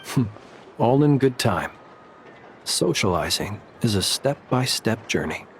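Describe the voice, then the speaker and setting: A man voices a formal, composed, encouraging comrade in a video game, using measured and courteous phrasing. His voice sits on the low side with a sing-song lilt and a slight hiss or hum.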